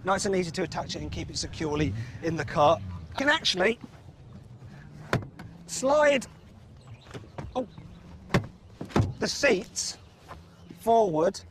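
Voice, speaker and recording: A man's voice: high voice, a little slow, pauses often, noisy background. A man with a Birmingham accent presenting and explaining things as host of a car show.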